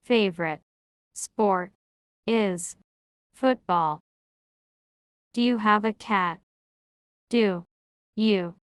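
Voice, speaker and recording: Slow, careful woman reading English drills. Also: mid-range voice, clear, resonant tone, dry recording, studio quality. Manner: reads each word separately with long pauses. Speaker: language teacher.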